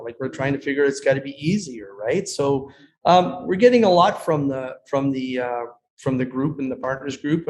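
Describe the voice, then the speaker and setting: A man, a karate school owner, speaking earnestly and haltingly as a podcast guest on a video call. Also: mid-range voice, darkish tone. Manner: earnest, halting, many restarts. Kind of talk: casual interview chat.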